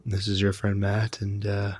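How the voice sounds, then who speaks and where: A man putting on the voice of a mellow new-age hippie radio host, speaking in a soft, laid-back announcer style. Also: on the low side, monotone, moderate pace, husky, dry recording.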